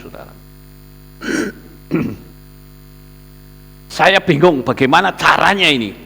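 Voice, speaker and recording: A male pastor with a Javanese accent delivering a storytelling sermon in an animated manner, acting out the people he describes. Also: mid-range voice, vocal fry. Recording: long hall reverb.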